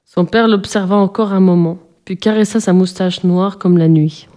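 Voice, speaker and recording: Female storybook narrator, mellow warm tone, gentle and expressive. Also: medium pitch, normal speed. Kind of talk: storybook reading.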